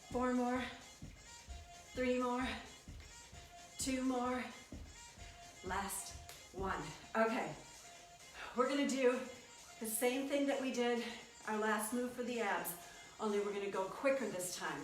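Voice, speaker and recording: A woman leading a workout as an aerobics instructor, giving short encouraging cues and counts. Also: fairly high pitch. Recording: echoey room, distant mic, music behind. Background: workout music.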